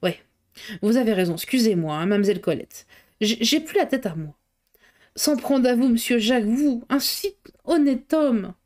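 A woman's voice: medium pitch, animated, fairly quick, darkish tone, lightly acted. Woman playing a flustered gossiping cook. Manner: rambling, colloquial, with fillers. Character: flustered chatty middle-aged woman cook, breathless gossip.

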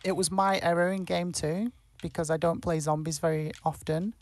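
A woman's voice: lowish voice, fairly even intonation, normal speed, darkish tone, no echo. A young woman, a tournament player, talking over her mistakes in a self-deprecating way with stammered restarts. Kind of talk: casual post-game chat.

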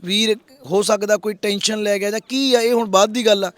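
A man's voice: high voice, steady tone, fairly quick, dry recording. A man, a social worker making an earnest, pleading appeal to viewers. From Punjab, India. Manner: earnest, pleading, repeats please.

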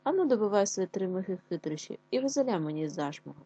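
A woman's voice: medium pitch, animated, fast, warm tone, husky, no room sound, lo-fi sound. A woman voicing a timid, kind little hedgehog in a children's tale. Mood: despairing.

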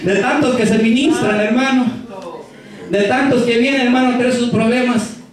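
A man's voice: very high-pitched, steady tone, normal speed. A male pastor preaching a fervent sermon, calling out to the congregation again and again. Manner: fervent, repeatedly calling out "hermano". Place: church. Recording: echoey church from far off.

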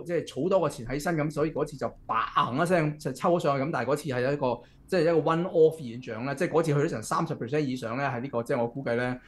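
A man with a Hong Kong Cantonese accent giving chatty economics commentary, often checking in with "OK?" as he walks through a chart. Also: mid-range voice. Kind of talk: casual explanatory commentary. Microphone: computer mic while screen-sharing.

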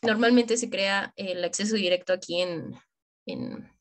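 Speaking a little slowly at medium pitch, this Mexican-accented young woman from Michoacán, Mexico, leads a relaxed screen-share tutorial for medical students. Her language is slangy and colloquial, aimed straight at the listener.

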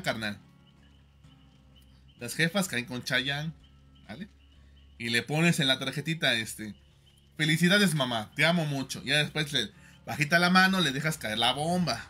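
Bright-voiced joking Mexican streamer. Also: male voice, on the high side. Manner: joking, slangy, lots of fillers. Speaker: livestream host. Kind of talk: casual chat, joking advice to viewers.

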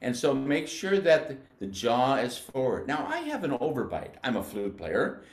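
A man's voice: mid-range voice, very animated, reverberant. Patient older American man teaching band. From United States. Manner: patient, explanatory, demonstrates syllables slowly. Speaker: music educator. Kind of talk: instructional demonstration.

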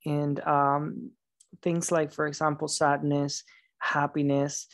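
A male trainer with a flat, even delivery explains material in an online presentation. He speaks haltingly, pausing and hesitating often as he goes. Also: a little high. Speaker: teacher trainer, webinar presenter.

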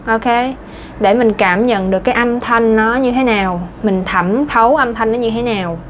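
A woman's voice: fairly high pitch, moderate pace, slight background noise. A woman with a Southern Vietnamese accent, talking casually as an English pronunciation teacher, chatty and full of fillers. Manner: chatty, lots of fillers and little laughs. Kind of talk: casual chatty lesson talk.

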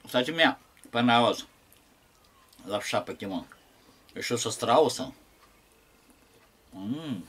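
A man's voice: mid-range voice, expressive, slow pace, long pauses, husky. Young male mukbang host, chewing while talking, mumbly casual chat, mid-range voice. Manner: mumbling, muffled and quiet between bites. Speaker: mukbang vlogger. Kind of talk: casual eating vlog chat.

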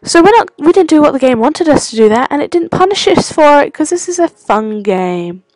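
A woman's voice: high-pitched, very animated, brisk, a little mellow, no echo, low-quality recording. A young woman giving playful, chatty commentary while playing a game, adding her own sound effects. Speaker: gaming video host. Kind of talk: casual gameplay commentary.

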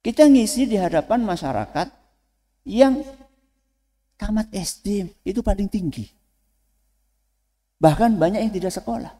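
A man preaching to students in a lively way, asking the audience questions and then answering them himself. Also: high voice, a little slow, long pauses. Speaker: Islamic preacher. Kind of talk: lecture to students. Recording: long hall reverb.

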